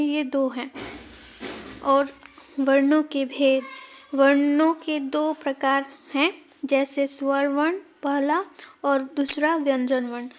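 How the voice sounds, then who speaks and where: Woman teacher, exam-prep grammar lesson; slow, deliberate, points at examples as she goes. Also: high-pitched.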